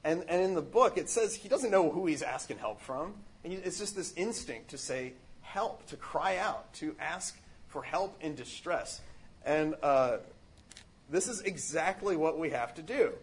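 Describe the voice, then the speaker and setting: Husky man giving an earnest spiritual talk. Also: a little high, animated, unhurried. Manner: earnest, rambling with fillers and restarts. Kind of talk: casual spiritual reflection on a book.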